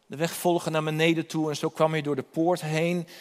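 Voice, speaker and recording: A man's voice: a little high, little pitch movement, fairly quick. A man preaching a sermon, retelling a Bible story and urging listeners to come forward, often repeating words as he goes. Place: church hall. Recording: long reverb in a hall.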